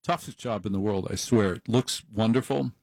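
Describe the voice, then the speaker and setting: A middle-aged man hosts an overnight call-in radio show, rambling into a studio mic in a chatty, self-deprecating monologue. His voice is lowish and a little mellow, his pace moderate, and the recording is dry.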